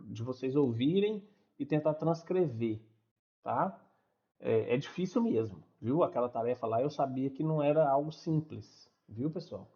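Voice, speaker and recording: A man's voice: medium pitch, animated, moderate pace, warm tone, lo-fi sound. A man teaching an online English class, explaining step by step in a chatty way and checking in with his students.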